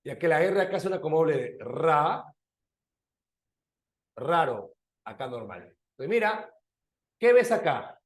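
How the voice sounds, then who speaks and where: Male teacher, high lively voice, keeps quizzing students; echoey room. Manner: lively, questioning students often, animated. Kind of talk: online exam-prep language class.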